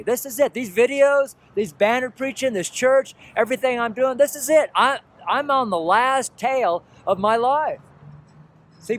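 A street preacher in his sixties, with a high, fairly bright voice, delivers a sermon beside a road into a selfie camera held at arm's length. He speaks earnestly, repeating his points with pleading emphasis over faint traffic noise.

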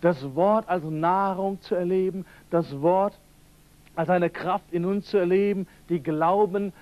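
A man's voice: sits high, steady tone, measured pace, muffled recording. A man preaching a seminar sermon, emphatic and repeating key phrases while addressing his listeners directly. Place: church seminar hall. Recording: old radio-quality seminar tape.

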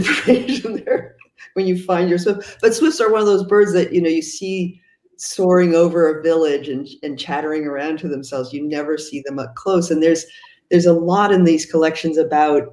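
A woman's voice: sits low, a little mellow. Woman interviewer in an echoey room. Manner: halting, repeats words while framing questions. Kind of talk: conversational interview. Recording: roomy echo.

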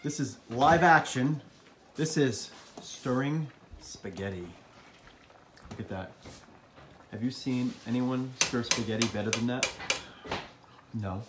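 A man giving joking, casual commentary while he livestreams his home on a phone, teasing the people around him and talking softly to his cats. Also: mid-range voice, slow, pauses often, roomy sound, noisy background. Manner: joking, teasing, with frequent laughs; soft, cooing talk to pets. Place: home kitchen, then garage.

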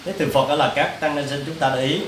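A man, a Buddhist monk, lectures students in a loose, rambling way, repeating himself and throwing questions at the room. His voice sits a little high. It is recorded from a distance in an echoey hall, with faint hiss behind it. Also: steady tone, fast, a bit bright. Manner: rambling, repetitive, addresses listeners directly with questions. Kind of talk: casual dharma lecture. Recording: roomy, distant mic, faint background hiss.

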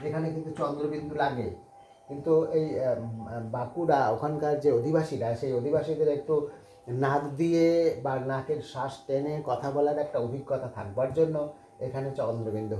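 A man's voice: fairly high pitch, mellow. A man teaching a spelling lesson, patiently repeating words and spelling them out letter by letter. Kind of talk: classroom lesson on Bangla spelling. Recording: echoey room with faint background noise.

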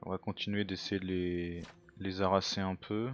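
A man's voice: low-pitched, flat delivery, normal speed, lo-fi sound. A man casually commenting on a game he is playing, thinking aloud and muttering to himself, now and then mocking his own moves. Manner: self-mocking. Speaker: let's play gamer.

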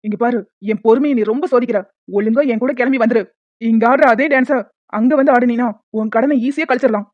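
A brutal male moneylender from a cartoon, acted by a woman, crude and threatening. He talks fast and a little high. The sound is thin and phone-like, with no room echo. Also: natural voice. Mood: menacing. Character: menacing male loan shark, brutal and lecherous. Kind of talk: cartoon voice dubbing. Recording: tinny phone-like, dry.

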